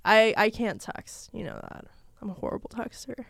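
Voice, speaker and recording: A young woman co-hosting a casual chat podcast, wry and self-deprecating, quick to laugh. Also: medium pitch, big pitch swings, vocal fry, fairly bright tone, no room sound.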